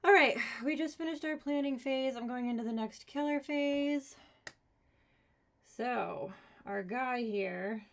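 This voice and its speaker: Slightly high woman thinking aloud while gaming. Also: slow pace. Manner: thinks aloud, counts cards, talks to herself; casual, mildly exasperated asides. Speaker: board game streamer. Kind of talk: live-streamed solo board game playthrough.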